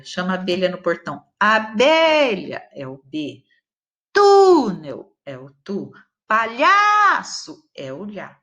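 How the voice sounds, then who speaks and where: A woman's voice: fairly low pitch, fairly bright tone. A woman teacher with a Brazilian Portuguese accent giving a recorded grammar lesson to schoolchildren, patiently stressing each syllable. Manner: slow, patient, spelling out syllables and stressing words.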